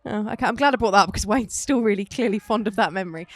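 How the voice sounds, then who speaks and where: A woman's voice: mid-range voice, racing, no room sound, clean studio sound. A young woman co-hosting a talk show, teasing the guests and laughing often. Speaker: co-host. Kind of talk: casual chat.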